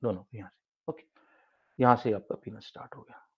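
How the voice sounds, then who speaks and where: A man's voice: on the low side, moderate pace, darkish tone, slightly rough. A middle-aged man with an Indian English accent teaching a science class step by step, switching between Hindi and English and often restarting his sentences. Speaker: science tutor. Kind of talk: classroom lecture. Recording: dull lo-fi sound.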